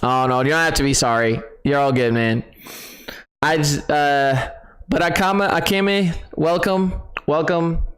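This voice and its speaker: A man hosting a live gaming stream, chatting with viewers, excitable, laughing often and repeating himself. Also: fairly high pitch, a little slow. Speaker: streamer host. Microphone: desk microphone.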